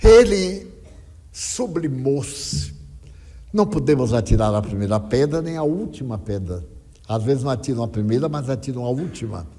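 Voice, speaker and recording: Older man, husky storyteller. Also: mid-range voice, normal speed, big-room sound. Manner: dramatic, lively storyteller quoting others. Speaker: spiritist speaker. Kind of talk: storytelling lecture.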